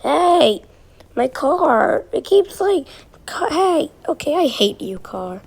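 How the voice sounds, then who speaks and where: A woman's voice: sits high, sing-song, slow pace, gravelly. A woman chatting casually as she narrates her own gameplay, thinking aloud and scolding her in-game car. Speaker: gameplay vlogger. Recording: loud game car sounds behind voice.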